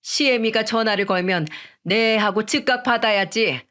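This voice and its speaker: A woman's voice: medium pitch, moderate pace, fairly bright tone, natural voice. A woman voicing a rude, greedy older mother-in-law who scolds and bosses in a coarse way, in a read-aloud story. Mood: scolding. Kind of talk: storytelling radio drama reading.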